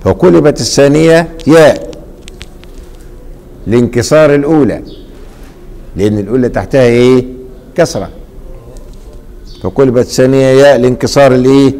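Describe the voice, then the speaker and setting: A middle-aged man with an Egyptian accent teaching a classroom grammar lesson, repeatedly pausing mid-sentence so students fill in the missing word. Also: medium pitch, warm tone. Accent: Egyptian Arabic. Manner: quizzing, leaves blanks for students to fill.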